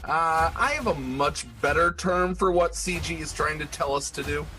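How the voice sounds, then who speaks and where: A male podcast co-host chats casually in a forceful, bright voice. His pitch sits a little high, and there is faint music around his talk. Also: moderate pace, rough recording. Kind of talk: casual gaming podcast chat.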